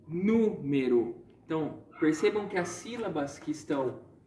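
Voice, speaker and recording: A man's voice: on the high side, a little mellow, slight background noise. A man teaching a lesson, explaining patiently and often checking in with his students. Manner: patient, explanatory, frequent check-ins like "certo?" and "tá?". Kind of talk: recorded online lesson. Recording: echoey room, voice from a distance.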